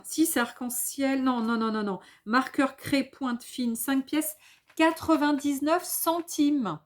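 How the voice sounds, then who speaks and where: A middle-aged woman chatting casually through a product haul, hesitant and full of self-corrections. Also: on the high side. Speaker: haul vlogger.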